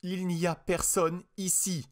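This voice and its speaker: A man's voice: mid-range voice, moderate pace, pitched above the performer's own voice, natural voice. A man voicing a frightened insistent wife. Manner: pleading, sharp and insistent. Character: frightened, insistent young wife on a road trip. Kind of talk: audiobook character voice.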